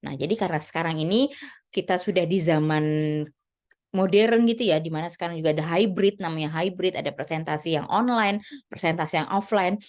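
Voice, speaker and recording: A woman's voice: fairly low pitch, a little fast, darkish tone. A woman giving a casual spoken lesson on presenting, chatty, with many fillers and restarts. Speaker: lecturer giving presentation tips.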